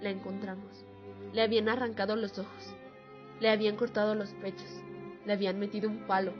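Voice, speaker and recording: In a dramatic radio monologue, a woman plays a female war veteran solemnly testifying to atrocities, her grim testimony lightly acted, a little fast and with little pitch movement. Her pitch is average for a woman. The lo-fi recording sounds muffled and slightly dull, with faint music underneath.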